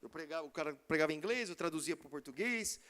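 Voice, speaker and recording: A male preacher telling a story in a church, lively and slangy as he talks. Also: fairly high pitch, fast.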